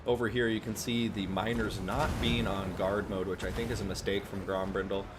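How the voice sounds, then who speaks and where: A man with a low, deep voice calls a strategy game match live, relaxed and chatty, throwing in little asides. Behind him there is a faint hum. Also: moderate pace. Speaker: tournament caster and stream host.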